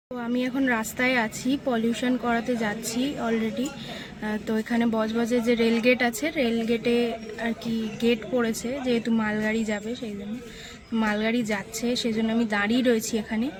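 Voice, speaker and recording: A young woman with a Bengali accent, chatting casually through a daily vlog, filling her talk with "so". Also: fairly high pitch. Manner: chatty, filler-heavy, keeps saying "so". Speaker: vlogger. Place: home and outdoors on streets and by the river.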